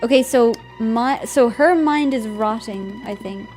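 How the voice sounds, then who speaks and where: A woman with a high, light voice talks through a story game on stream. She laughs a lot and breaks into excited squeals. Soft game music plays quietly behind her. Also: a little slow. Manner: giggly, excitable, often squeals; reads game text aloud. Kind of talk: casual gameplay commentary.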